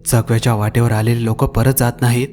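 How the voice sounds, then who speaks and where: A sinister ghost of an old man in a spoken horror tale, as a male narrator puts him on. He taunts quietly and menacingly in a dark, mellow voice. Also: mid-range voice, flat delivery, quick pace, faint music behind, natural voice.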